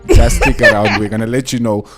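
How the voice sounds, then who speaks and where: A man hosting a weekend radio show, speaking in a relaxed, reflective way. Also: lowish voice, fairly quick, over loud music.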